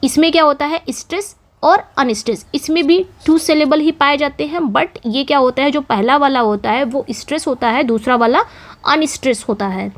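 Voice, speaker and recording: A woman's voice: sits high, moderate pace. A woman English teacher giving an exam-prep lecture on poetic meter, explaining patiently and repeating her points with frequent checks for understanding. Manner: repetitive teacherly explaining with frequent "theek hai" and "okay" checks.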